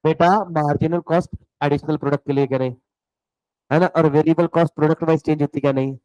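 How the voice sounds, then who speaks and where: Male teacher, sore throat, banters with students, slightly high voice, dry close sound. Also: steady tone, fast talker, a little mellow, clean tone, no room sound, poor audio. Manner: bantering with students, mixing English definitions into Hindi. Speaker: economics teacher. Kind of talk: classroom lecture. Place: classroom.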